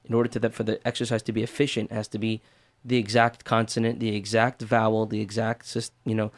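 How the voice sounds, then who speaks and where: Low flat-voiced man explaining. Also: fast talker. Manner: earnest, explaining step by step. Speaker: voice teacher. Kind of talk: interview answers.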